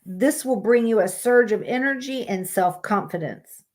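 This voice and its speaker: A woman's voice: a little high, normal speed. Woman casually reading horoscopes aloud. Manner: reads aloud plainly, breaks off with swearing asides. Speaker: live streamer reading horoscopes. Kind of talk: casual reading with chatty asides.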